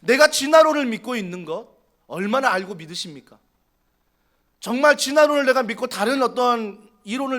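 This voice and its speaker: A man preaching a sermon in a church, animated and full of rhetorical questions. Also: very high voice. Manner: animated, rhetorical questions, acts out quoted voices. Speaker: pastor. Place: church sanctuary.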